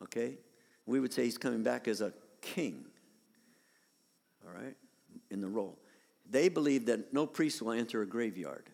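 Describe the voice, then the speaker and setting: A man's voice: medium pitch, lively intonation, normal speed, creaky, pauses often, darkish tone. A man preaching a conversational sermon to his congregation, showing pictures on a screen and restarting his sentences often. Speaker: pastor. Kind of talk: sermon with slides. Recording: long hall reverb.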